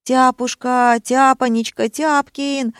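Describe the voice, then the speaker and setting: Woman putting on a whiny sobbing boyfriend, voice way up high and pleading. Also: fairly even intonation, slow pace, no room sound, studio quality. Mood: wailing. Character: panicky young boyfriend, whining and sobbing.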